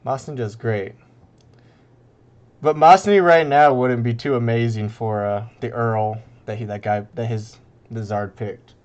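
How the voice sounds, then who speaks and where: A relaxed man casting a live strategy game match. He rambles loosely, drops in plenty of "like"s and chuckles between thoughts. His voice sits in an everyday middle register. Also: medium pitch, unhurried, lo-fi sound. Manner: laid-back and rambling, laughs often, many fillers. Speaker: esports caster. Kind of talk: casual live game commentary.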